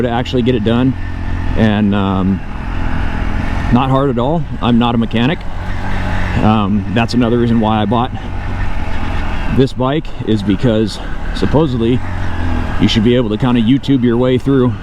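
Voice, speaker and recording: Man, mid-pitched voice, casual motovlog chat, thinking aloud, loud vehicle noise, outdoors. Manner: talks to himself and viewers, thinking aloud. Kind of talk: casual off-the-cuff vlog narration while riding. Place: outdoors on a motorcycle.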